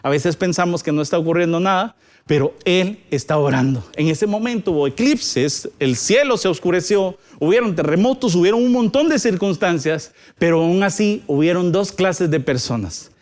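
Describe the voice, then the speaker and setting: A man with a Guatemalan Spanish accent delivers a sermon in a notably high voice. He reads scripture aloud and swings between rising and falling emphasis as he preaches. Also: expressive, moderate pace, darkish tone. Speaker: pastor.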